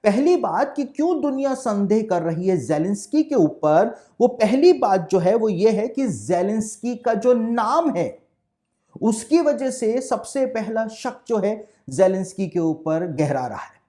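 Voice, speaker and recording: A pastor giving a deliberate, explanatory Bible prophecy talk in a preaching style, restating each point twice. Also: male voice, high voice, animated, mellow.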